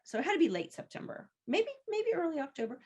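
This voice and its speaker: A middle-aged woman chats on a podcast, spinning family stories with plenty of animation. Her voice sits fairly high and leaps around as she replays old moments. She talks casually, like a storyteller at the kitchen table. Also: sing-song, fast talker, darkish tone. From rural United States farming community. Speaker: guest, mother of the co-host.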